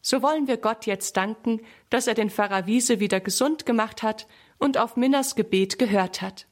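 Woman reading as a calm, pious mother, kindly tone, storybook. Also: fairly high pitch, normal speed, lightly acted. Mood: gentle.

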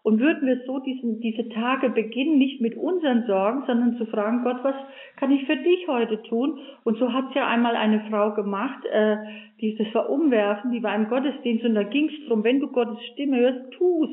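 Older woman, religious guest on radio, earnest storyteller, slightly high, phone-line sound. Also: normal speed. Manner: earnest, animated storytelling with many fillers. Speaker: guest, religious sister and author.

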